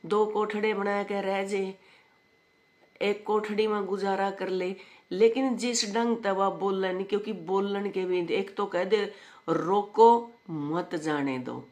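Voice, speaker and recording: A man with a Haryanvi accent in a casual monologue, rambling and emphatic as he tells a story and quotes others. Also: high voice. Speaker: vlogger. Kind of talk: casual monologue answering critics.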